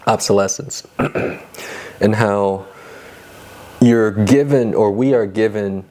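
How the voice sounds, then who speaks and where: A man hosting a relaxed podcast conversation. His voice sits low and he talks in an easygoing, chatty way, laughing often as he goes. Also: extremely slow. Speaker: podcast host.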